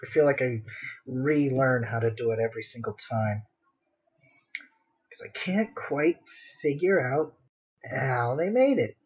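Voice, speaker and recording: A man with a medium-pitched, somewhat dark voice talks casually during a drawing livestream, heard in lo-fi sound. He's a streamer and digital artist who rambles to himself in a playfully dramatic way.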